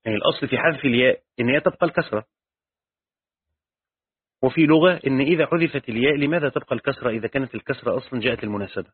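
Fast husky Egyptian sheikh teaching. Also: male voice, medium pitch, no echo. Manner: reads the text quickly, then breaks into colloquial explanation with restarts. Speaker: sheikh teaching Quran commentary. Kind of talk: reading and explaining a tafsir lesson. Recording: dry, tinny phone-like lo-fi audio.

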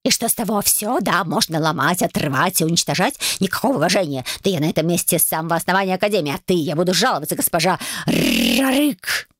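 A woman's voice: on the low side, very animated, fast talker, no room sound, studio quality. A woman voicing a cranky old talking door handle with a wolf's head, whiny and indignant, in an audiobook. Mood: grumbling, haggling. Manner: whiny, indignant, shouting and bargaining. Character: cranky ancient talking door handle, wolf-headed, male. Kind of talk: audiobook character voice.

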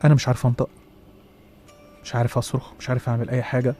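A man with an Egyptian accent narrating a horror story in a hushed way, restarting his phrases. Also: mid-range voice, level tone, rapid-fire, husky, soft background music. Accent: Egyptian Arabic.

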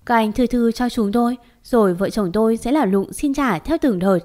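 A woman's voice: a little high, normal speed, dark tone, natural voice. A woman reading an audio story, voicing a weak young husband who pleads and defends himself. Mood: pleading.

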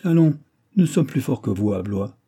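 A man voicing a lively, mocking young lady-in-waiting in an audiobook reading of a classic novel. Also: medium pitch, normal speed, husky, pitched above the performer's own voice. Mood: teasing. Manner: mocking, playful.

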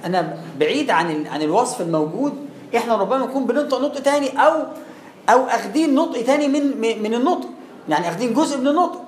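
A man's voice: extremely high pitch, animated, quick pace. A man with an Egyptian Arabic accent teaching Quran recitation, demonstrating sounds over and over and asking rhetorical questions. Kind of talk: explanatory classroom lesson. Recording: echoey room with faint noise.

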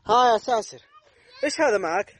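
A man with a Gulf Arabic accent coaxing small children in a playful, animated way at an outdoor playground. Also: high-pitched, a little fast, background noise. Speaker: vlogger. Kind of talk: casual talk to small children.

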